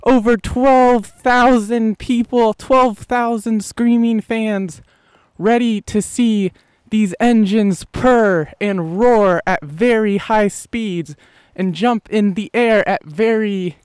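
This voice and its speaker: A man putting on a high, hyped monster truck announcer. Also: darkish tone, clear, resonant tone, dry recording. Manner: drawn-out, booming showman hype. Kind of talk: improvised announcer role-play.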